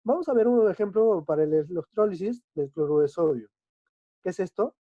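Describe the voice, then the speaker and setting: A male chemistry teacher explaining a lesson patiently, often checking understanding with quick tag questions. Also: high voice, expressive, mellow, no room sound. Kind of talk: online class explanation. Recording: dull dry lo-fi recording.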